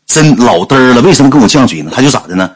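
Speaking very fast in a mid-range voice, a man with a Northeastern Chinese accent tells a funny story during a livestream. He's an animated storyteller who acts out the people in his anecdote.

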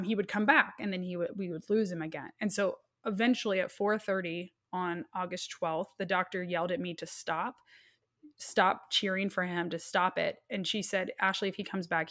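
A woman in her thirties, a guest speaking earnestly and haltingly as she recounts a personal loss. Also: on the low side, steady tone, fairly bright tone. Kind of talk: emotional personal storytelling.

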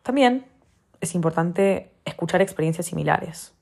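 A woman's voice: on the low side, expressive, moderate pace, gravelly, darkish tone. A young woman with a Rioplatense Spanish accent, talking candidly to camera in a rambling, repetitive way as she gives advice. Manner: candid, rambling, repeats phrases for emphasis. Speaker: vlogger giving advice. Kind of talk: casual confessional talk to camera.

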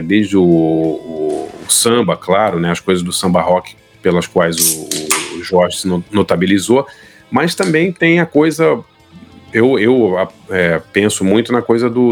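A man in casual chat, talking thoughtfully with many pauses and restarts as co-host. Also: deep voice. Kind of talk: casual chat about music.

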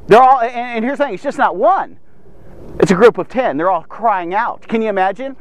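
High-voiced energetic man teaching devotional. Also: brisk, no echo. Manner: energetic, jokey and conversational, with many asides to listeners; repeats words for emphasis. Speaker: devotional podcast host. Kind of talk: casual Bible devotional teaching.

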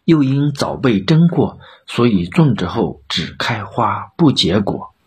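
A man voicing a shrewd, calm old chancellor who speaks in a measured, admonishing way. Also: mid-range voice, breathy edge, heavily acted.

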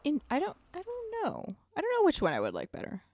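Talking games on a podcast she co-hosts, a woman gives an enthusiastic, emphatic, casual review. Her high voice swings hugely in pitch at a quick pace and sounds a little mellow.

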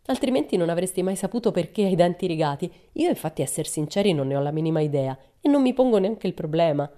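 A woman's voice: on the low side, lively intonation, fast, dark tone, close to an everyday voice. A woman voicing a cheeky, boastful little girl in a storybook reading, bold and chirpy. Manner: bold, chirpy, matter-of-fact.

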